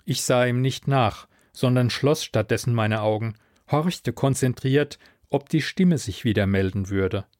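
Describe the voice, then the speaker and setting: A man narrating a story in the first person, in a measured, deliberate way. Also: mid-range voice, a little mellow, no room sound, studio quality. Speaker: audiobook narrator.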